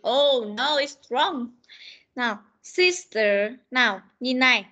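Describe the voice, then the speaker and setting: A young woman teaching an online pronunciation drill over a video call, correcting and repeating words slowly and patiently. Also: high-pitched, highs cut off, heavy background noise. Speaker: English teacher.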